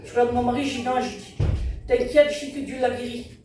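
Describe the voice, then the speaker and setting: In a church hall mid-service, a woman delivers a heartfelt testimony, stringing events together with repeated "I said" and "he said." Her voice is on the high side and quick, heard through a distant mic in a very echoey space with music and background noise.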